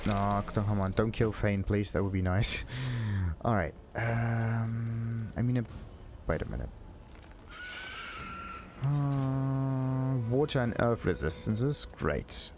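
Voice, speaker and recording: Over video game music and a noisy background, a man who hosts gaming videos gives relaxed let's play commentary, musing aloud to himself. His voice sits in the mid range, and he speaks slowly.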